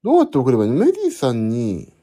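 A man's voice: medium pitch, wildly swooping pitch, rapid-fire, mellow. A man hosting a casual solo podcast, rambling and correcting himself as he thinks aloud while fiddling with his phone. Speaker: podcast host. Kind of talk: casual solo chat to listeners.

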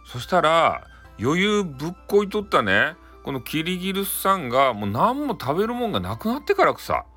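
A man's voice: on the high side, big pitch swings, a little fast, sharp tone, faint music behind. A man with a Hakata accent telling a bedtime folktale in a chatty, folksy way, often addressing his listeners. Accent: Hakata dialect. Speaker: storyteller.

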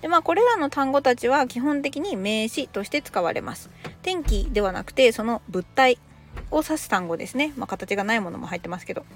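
A woman's voice: on the high side, lively intonation, a little fast, faint music behind. A woman in her thirties from Japan, giving a chatty podcast English lesson with casual explanations. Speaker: English teacher.

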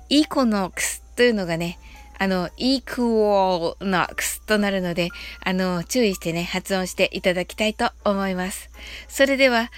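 A woman hosting an audio show, giving a relaxed English lesson in a soft, polite way, with many fillers and English words drawn out slowly. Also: fairly high pitch. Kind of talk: slow, friendly English lesson monologue.

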